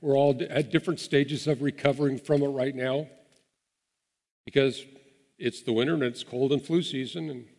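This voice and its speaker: A man's voice: medium pitch, steady tone, moderate pace, vocal fry, a little mellow. A man preaching a sermon as pastor, earnest and encouraging, with small restarts as he talks. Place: church sanctuary. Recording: long hall reverb.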